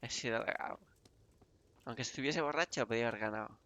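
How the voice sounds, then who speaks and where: A man's voice: medium pitch, a little fast. Spanish man swearing over gameplay. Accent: Spain Spanish. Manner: swearing, laughing, loud exclamations. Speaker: gaming youtuber. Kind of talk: casual let's-play commentary.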